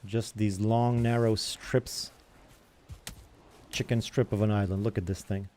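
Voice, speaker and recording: A man's voice: on the low side, flat delivery, a little slow, mellow, slight background noise. A young man hosting a gaming channel, rambling in casual chatter as he plays and comments on other games.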